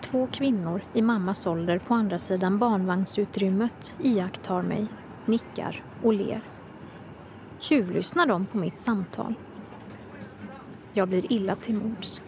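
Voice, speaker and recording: A woman with a gravelly, creaky edge to her voice reads first-person literary prose at a measured, reflective pace. A clear hum of vehicle noise runs underneath her reading. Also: mid-range voice. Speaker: reader of her own prose.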